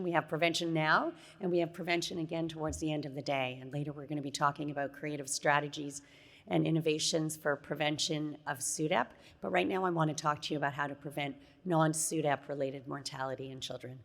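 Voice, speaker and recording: A middle-aged woman speaks at a conference with a very low, gravelly voice that she is losing. She is hoarse but conversational and relaxed, with frequent fillers. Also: a little fast. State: losing her voice. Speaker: conference speaker, child neurologist. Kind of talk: conference talk.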